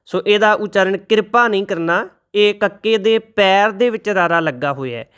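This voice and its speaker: A man teaching the correct pronunciation of scripture, reciting verses slowly and deliberately and spelling out letters. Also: high-pitched, a bit bright, smooth. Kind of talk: recitation lesson with slow chanted verses.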